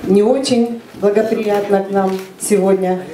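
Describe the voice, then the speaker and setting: A woman addresses guests in an informal stage announcement. She sounds distant and echoey, with clear noise behind her. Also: medium pitch, steady tone, unhurried. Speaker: event organiser addressing guests. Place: indoor stage at a banquet. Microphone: handheld microphone, filmed from the audience.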